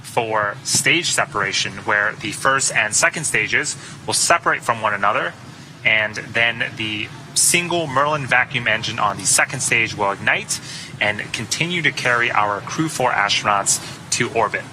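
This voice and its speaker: A man's voice: fairly low pitch, animated, moderate pace, poor audio. A man giving live technical commentary on a launch, explaining terms as he goes. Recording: loud roaring background noise.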